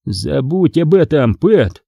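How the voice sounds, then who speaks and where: A reader doing a wry, weary adventurer. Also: male voice, a little high, sing-song, slow pace, vocal fry, dry recording, dull audio, pitched above the performer's own voice, exaggerated voice. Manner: dry and tired. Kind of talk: audiobook character voice.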